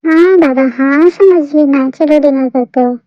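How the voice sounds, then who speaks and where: Woman doing a scolding pouty young wife, high pitched, muffled lo-fi, dry. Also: measured pace, dry recording. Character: bossy, sulky young wife. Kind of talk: fan audio story. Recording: dull lo-fi dry recording.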